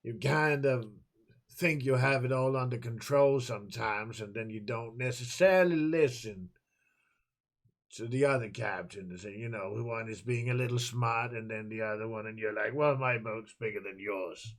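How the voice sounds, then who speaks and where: A gruff older harbor master, voiced by a man in a tabletop game, grumbling in a brusque, casual way. His tone is everyday and unforced. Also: medium pitch, normal speed, natural voice.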